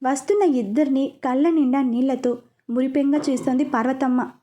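A woman narrating a serialized romance story in a steady, gentle reading voice. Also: high voice, a little fast, muffled recording, slight background noise.

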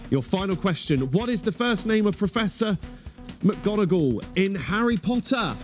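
Male game show host, thirties, British, slightly high voice, projected prize-announcer delivery. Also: animated, moderate pace, soft background music. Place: studio stage with music behind.

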